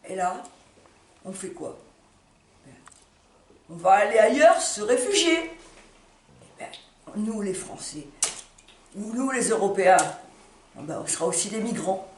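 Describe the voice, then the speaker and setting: Animated and a little mellow, a woman's mid-range voice comes from across a roomy space as she makes a heartfelt personal appeal. Her off-the-cuff monologue to camera stops and starts, leans hard on key words, and repeats phrases, all captured by a distant mic with background noise.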